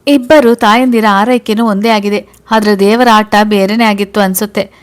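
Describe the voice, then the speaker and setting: A woman storyteller narrating a scripted family story in an even, steady reading. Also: mid-range voice, moderate pace.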